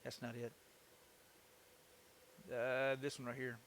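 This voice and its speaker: A man's voice: mid-range voice, monotone, slow pace, fairly bright tone, slight background noise. A man with a Southern US accent hosting a woodworking livestream, chatting in an easygoing, folksy way with viewers while he works. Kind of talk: casual livestream chat while working.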